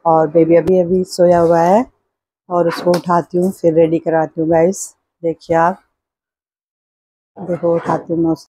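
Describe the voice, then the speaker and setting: A woman's voice: on the low side, flat delivery, a little slow, long pauses, warm tone, breathy edge, no room sound, poor audio. A woman vlogging at home with a handheld phone, speaking casual Hindi with a Rajasthani accent. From India. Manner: coaxing sing-song baby talk. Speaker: vlogger and mother.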